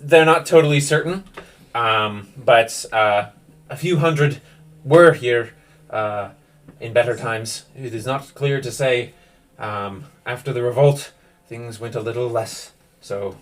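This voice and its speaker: A man's voice: medium pitch, takes it slowly, far from the mic. Filler-heavy game master man. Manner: rambling, full of fillers. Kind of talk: narrating a tabletop game.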